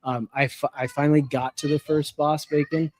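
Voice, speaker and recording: A man's voice: on the high side, little pitch movement, moderate pace. Male co-host, laid-back and rambling, in casual gaming talk. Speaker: podcast co-host. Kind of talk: casual gaming podcast chat.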